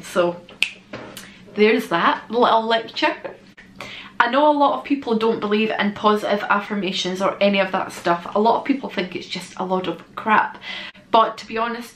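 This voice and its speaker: Woman, self-help influencer vlog, casual and encouraging, jokey swearing, medium pitch, roomy bedroom echo. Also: fairly bright tone. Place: small bedroom, indoors. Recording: roomy bedroom echo, clear background noise.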